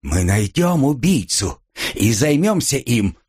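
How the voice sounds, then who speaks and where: A man's voice: mid-range voice, sing-song, takes it slowly, darkish tone, slightly rough, voice pushed up, full character voice. A man voicing a drunk, pompous aristocratic heir who brags and threatens. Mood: boastful. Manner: pompous, bragging.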